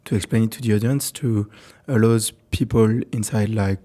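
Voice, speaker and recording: A man's voice: on the low side, fairly even intonation, moderate pace, mellow, dry recording. A man hosting an interview, introducing his guest and asking questions in a hesitant way, full of fillers. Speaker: podcast host. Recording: faint guitar music behind.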